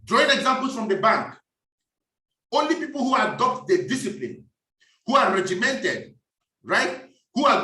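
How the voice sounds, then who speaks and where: A man's voice: high-pitched, bright, forceful tone, recorded from a distance. A man giving a preachy, emphatic business talk and repeating his key phrases. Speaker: business speaker. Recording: echoey room, voice off-mic.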